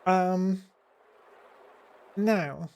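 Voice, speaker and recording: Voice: mid-range voice, very slow, vocal fry, darkish tone, slight background noise. A game streamer giving casual live commentary, thinking aloud while playing.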